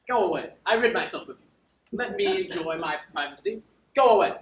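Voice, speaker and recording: An actor playing a pompous, self-important steward in a live stage play, haughty and indignant. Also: male voice, sits high, animated, fairly quick, a little hiss or hum. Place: theatre stage. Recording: echoey stage from far off.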